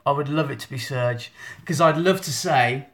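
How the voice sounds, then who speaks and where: Hosting a live Q&A stream from his phone in selfie mode, a photographer chats in a self-deprecating way and keeps restarting his sentences. He has a medium-pitched, fairly bright male voice and talks at a normal speed.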